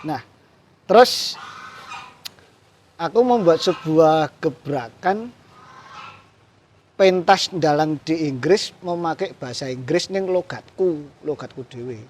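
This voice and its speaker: Speaking slowly with long pauses, a man with a slightly high voice guests as a puppeteer in a casual interview, a little hiss or hum in the background. Originally from Central Java, Indonesia, he has a Javanese accent, mixes Javanese and Indonesian, and often chuckles in his relaxed way.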